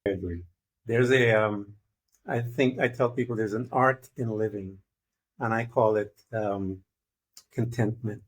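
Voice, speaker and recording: A man's voice: on the low side, a little slow, husky. A man from Guyana hosting an interview, talking in a thoughtful, meandering way with many fillers. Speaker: interview host. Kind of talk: casual interview conversation.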